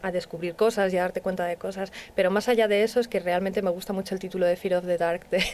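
A woman's voice: on the low side, steady tone, fast talker, darkish tone, a little hiss or hum. A woman, a musician guest on a radio interview, talking hesitantly with many fillers. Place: radio studio.

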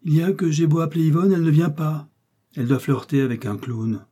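A man reading the lines of an agitated young female circus rider in a raised, quick voice. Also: steady tone, mellow, husky, lightly acted. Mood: furious. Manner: agitated, quick, high-pitched.

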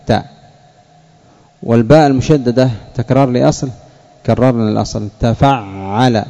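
A man, a sheikh, teaching a classroom lesson on word patterns, speaking slowly and deliberately, repeating key words and putting questions to his students. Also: medium pitch, warm tone. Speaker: sheikh teaching Arabic morphology. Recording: dull lo-fi lesson recording.

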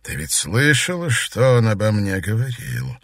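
A man doing a low, menacing demon lord. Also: sing-song, no echo, clean studio sound. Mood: mocking. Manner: slow, hard, quiet menace. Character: cold ruthless demon lord possessing a youth.

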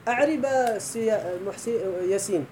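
A man with a Moroccan accent teaching an Arabic grammar lesson, chanting verses slowly and quizzing his students. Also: very high-pitched, a little mellow, slight background noise, rough recording.

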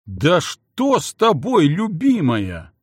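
A man's voice: fairly high pitch, wildly swooping pitch, slow, breathy edge, dry recording, studio quality, voice pushed up, exaggerated voice. A man voicing a bewildered husband and warlord who pleads with his furious wife. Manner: pleading, exasperated.

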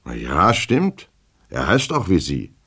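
A patient older office chief prods gently with questions, sounding both puzzled and worried, voiced by a man reading aloud. His tone is husky and moves lively up and down. He speaks calmly and plainly. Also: low-pitched, takes it slowly, heavily acted. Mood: matter-of-fact. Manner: gently coaxing, asks questions.

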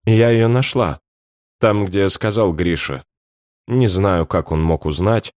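A man's voice: low-pitched, slow pace, darkish tone, no room sound, studio quality. A man voicing a worn-out young mother who speaks curtly and guardedly.

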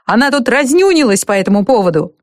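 A woman voicing a shrill, hysterical young wife. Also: big pitch swings, quick pace, no room sound, clean studio sound. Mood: hysterical fury. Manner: shrill screaming outbursts.

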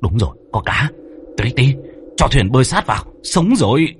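A man's voice: medium pitch, big pitch swings, moderate pace, slight background noise, lightly acted. A man voicing a weary, superstitious young gang leader who speaks with solemn, pleading earnestness. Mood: eager. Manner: pleading, solemn appeals to a dead friend.

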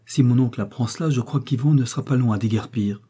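A man reading an audiobook, voicing a chatty little boy who turns hushed and fearful. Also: medium pitch, fast, slightly rough, lightly acted.

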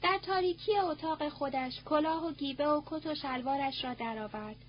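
Narrator: woman, high voice, measured audiobook reading, muffled tape with faint hum. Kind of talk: scripted narration.

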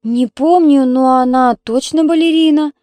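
A woman's voice: high-pitched, animated, normal speed, dark tone, dry recording, pitched above the performer's own voice. A woman doing a small curious little girl. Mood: eager. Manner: wondering, eager.

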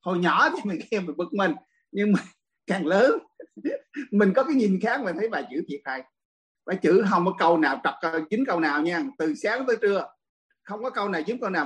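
A man, a Buddhist monk teacher giving a dharma talk Q&A, telling stories lively and laughing often. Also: high-pitched, brisk, low-quality recording.

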